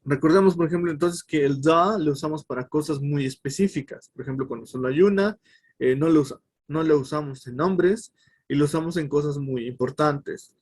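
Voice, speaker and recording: A man's voice: fairly high pitch, brisk, a little mellow, husky. A man teaching a casual English lesson online. He explains step by step and often stops to correct himself, with fillers along the way.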